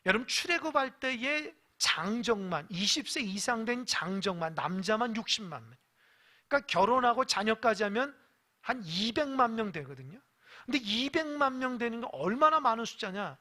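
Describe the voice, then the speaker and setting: Lively preacher quizzing a congregation. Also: mid-range voice, normal speed. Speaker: pastor. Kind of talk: sermon. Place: church.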